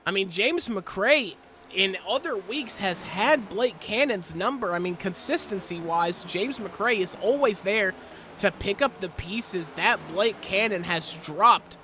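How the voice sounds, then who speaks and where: A man calls a virtual race live from his home desk, his voice high and forceful. He keeps apologizing and correcting himself as he goes. A faint hum of noise sits underneath. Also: expressive, a little slow. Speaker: sim racing play-by-play commentator. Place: home, helicopters overhead.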